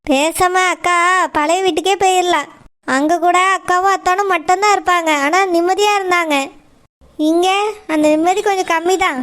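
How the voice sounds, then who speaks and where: A woman's voice: extremely high pitch, fairly even intonation, moderate pace, a bit bright. A woman voicing an outspoken young woman in a village cartoon, urging her elder sister in a blunt, insistent, scolding way. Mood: worried.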